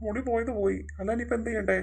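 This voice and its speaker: A woman voicing a calm older woman of the family who gently scolds and reasons, heard from far off in a noisy recording. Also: on the high side, very fast, gravelly. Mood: calm scolding. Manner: patient, reasoning tone.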